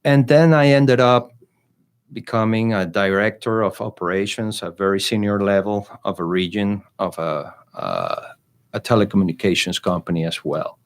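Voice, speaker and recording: With a lowish voice, lively intonation, and normal speed, a middle-aged Venezuelan interview guest speaks with a Venezuelan Spanish accent. A native Spanish speaker, he sounds hesitant and uses many fillers.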